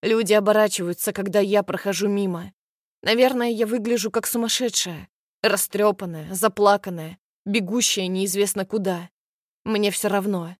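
A woman reads a first-person story aloud, tense and breathless in the telling. Her voice sits at a middle pitch and the recording is dry and close, with no room around it. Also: fairly even intonation, moderate pace, dry recording. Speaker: audiobook narrator. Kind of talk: first-person scripted narration.

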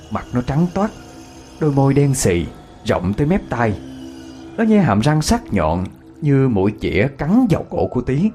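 A man narrating a ghost story in an expressive way. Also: medium pitch.

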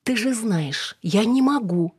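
Cool teasing young woman, purring and lofty, read by a woman with a husky voice. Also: on the high side, lively intonation, slow pace, darkish tone, dry recording, studio quality, pitched above the performer's own voice, heavily acted.

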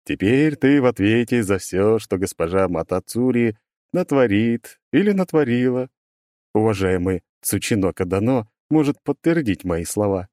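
A man's voice: on the low side, animated, normal speed, dark tone, no echo, clean studio sound, close to an everyday voice. A man voicing a huge steel magic golem that drones on in a melancholy, faintly gloating way. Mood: smug. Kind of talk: audiobook reading.

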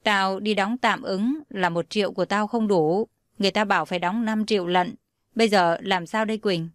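Lady reading a worried bossy young friend, talks blunt and fast, dry sound. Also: mid-range voice, fairly even intonation, no room sound, natural voice.

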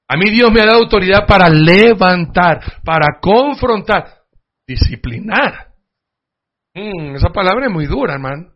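A male pastor preaching a sermon, emphatic, with sudden loud bursts and acted-out quotes. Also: high-pitched. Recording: dull lo-fi radio broadcast.

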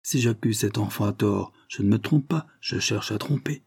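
Storybook: man voicing a harsh, scornful old colonel, raised and accusing, husky edge. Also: lowish voice, moderate pace, darkish tone, no room sound, studio quality. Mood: contemptuous. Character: stern old male colonel, contemptuous and quick to anger.

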